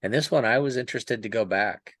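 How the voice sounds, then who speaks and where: A man's voice: mid-range voice, a little fast, a bit bright, no room sound. A man in a casual podcast book discussion, rambling and thinking aloud as he talks. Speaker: podcast panelist.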